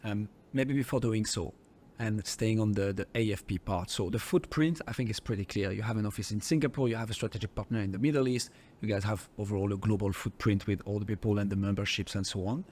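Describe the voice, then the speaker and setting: A man's voice: on the low side, fairly even intonation, quick pace, a little mellow. A man with a French accent hosting an interview podcast, casual and upbeat, with eager interjections. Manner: friendly, enthusiastic interjections. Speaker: podcast host.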